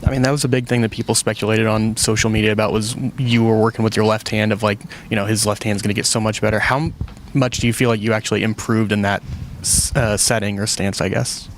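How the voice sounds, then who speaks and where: A male reporter speaks quickly in a fairly low voice. He puts his questions in a loose, tentative, conversational way, with faint noise behind him. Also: flat delivery. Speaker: sports reporter.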